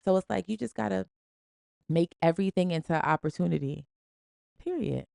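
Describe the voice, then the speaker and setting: A woman's voice: fairly low pitch, fairly quick, creaky, dark tone, dry recording, studio quality. A woman hosting a podcast, giving an emphatic, slangy, preachy motivational talk in a casual style. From Springfield. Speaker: podcast host.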